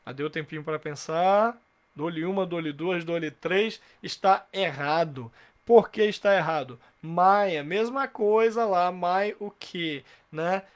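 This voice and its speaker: A man teaching a live online English grammar class, patiently explaining with many rhetorical questions and slowly repeating example sentences. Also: high voice.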